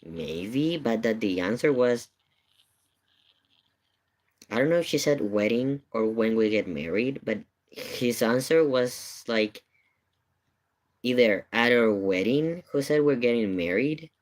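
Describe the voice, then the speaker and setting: This livestreamer, who reacts to videos, speaks slowly in an expressive, medium-pitched voice, leaving long pauses. The chat is casual, built around a rambling anecdote told with hesitant, repetitive phrasing.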